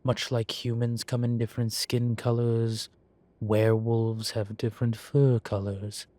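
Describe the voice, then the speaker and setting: Close to his everyday voice, a man speaks mid-range and level-toned, with no room sound, as a genteel demon professor centuries old. The droll, proud, urbane character gives a student a patient, unhurried lecture in this one-sided scripted roleplay audio.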